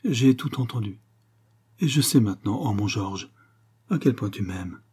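A man reading an audiobook, voicing a tearful and passionately loving young wife with raised pitch and breathless whispered phrases. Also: lively intonation, unhurried, mellow, husky, heavily acted.

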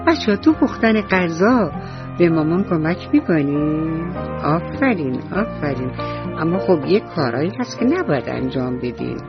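A woman storyteller telling a radio bedtime story to children in a tender, coaxing way. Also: sits low. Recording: dull lo-fi radio recording.

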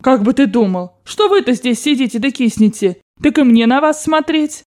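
A woman's voice: high voice, animated, normal speed, a little mellow, voice pushed up. A woman voicing an imperious rich old grandmother who gives orders in a brusque, commanding way in an audiobook. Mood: bossy. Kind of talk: audiobook character voice.

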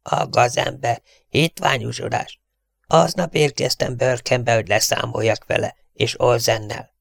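A man voicing a crazed, vengeful outlaw father who speaks in a hoarse, hissing whisper with a wheezing throat voice, in an audiobook. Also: mid-range voice, fairly even intonation, dry recording, clean studio sound, voice pushed up, close to an everyday voice. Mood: menacing. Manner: menacing, cackling, barking.

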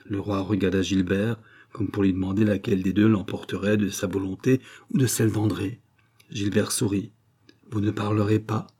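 Male narrator, steady literary audiobook reading, low husky voice. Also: moderate pace.

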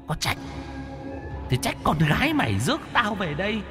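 A man doing a hushed, cackling female demon. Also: huge pitch swings, normal speed, in a large hall, soft background music, full character voice. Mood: mocking menace. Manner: high, hushed, mocking and menacing. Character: cruel cackling female demon, soul-eater.

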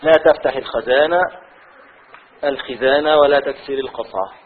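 A man with an Egyptian accent teaching a class on a classical law text. He reads a passage aloud, then explains it slowly with many repetitions. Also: medium pitch, slight background noise. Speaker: religious teacher. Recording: tinny phone-like audio.

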